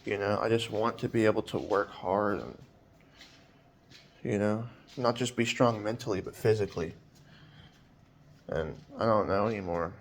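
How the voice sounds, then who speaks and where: A man's voice: lowish voice, moderate pace, long pauses, slight background noise. A man in his twenties talking in a personal vlog, hesitant and rambling with many fillers, sounding weary and anxious. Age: 20s.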